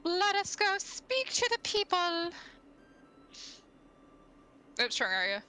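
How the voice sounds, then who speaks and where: A vtuber plays a game while chatting casually, animated and playful, reacting to the action and shouting at the game. Her voice is very high-pitched at normal speed, with a slight lisp on her S sounds.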